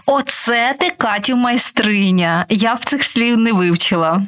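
A woman radio co-host quizzing and answering in a brisk, matter-of-fact way. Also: a little high, a bit bright. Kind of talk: language quiz chat.

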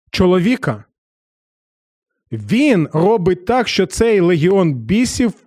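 A man with a fairly high voice gives a Bible teaching, putting rhetorical questions to his listeners and briefly acting out quoted lines. The recording is close and dry. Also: a little mellow, no room sound. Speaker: preacher.

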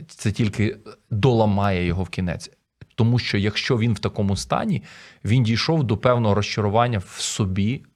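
A man, a pastor, speaking earnestly as a guest on a radio talk show in a conversational way. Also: lowish voice. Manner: earnest, conversational, mimics other voices.

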